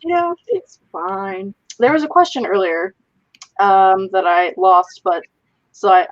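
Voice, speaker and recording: A woman's voice: fairly low pitch, highs cut off. A middle-aged woman hosting a casual group video chat, talking in a rambling way full of fillers. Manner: chatty, rambling with many "like" fillers. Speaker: host.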